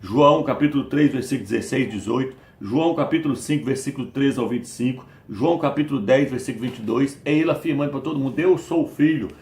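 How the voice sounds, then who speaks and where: An insistent male preacher talks straight to his listeners and keeps calling them brother. His voice sits in an ordinary middle pitch. It rings with the echo of a bare room. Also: fast talker, few pauses. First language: Portuguese. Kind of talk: preaching to camera.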